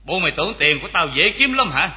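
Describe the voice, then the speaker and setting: An actor playing a stingy, bad-tempered rich old landowner who scolds and grumbles. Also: male voice, high-pitched, sing-song, fast talker, pushed and bright, heavily acted. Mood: scolding.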